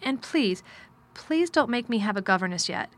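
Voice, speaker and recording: A woman voicing a stiff, anxious little girl in a storybook, timid and halting, with a tremulous eagerness. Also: on the high side, animated, close to an everyday voice. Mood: nervous, pleading.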